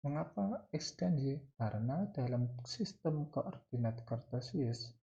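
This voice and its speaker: Indonesian guy teaching math, gravelly fry in his voice, dictates bit by bit, kinda muffled lo-fi audio. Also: mid-range voice, lively intonation, warm tone. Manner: dictating, pausing between short phrases and repeating key terms. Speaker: mathematics teacher. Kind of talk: spoken math lesson, explaining step by step.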